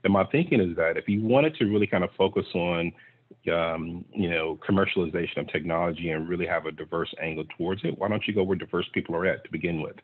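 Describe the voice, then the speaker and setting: Low-voiced man over tinny video call. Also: quick pace, husky. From Texas. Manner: earnest, reflective storytelling. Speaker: panel guest, clean tech investor. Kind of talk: conversational panel talk.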